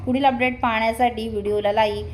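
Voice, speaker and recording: A woman narrating a TV serial recap in a plain, even storytelling manner. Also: fairly high pitch, quick pace, slight background noise.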